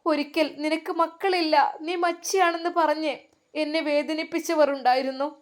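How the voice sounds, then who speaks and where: A woman's voice: high voice, steady tone, normal speed, lightly acted. A woman voicing a grateful young mother who speaks with heartfelt emotion.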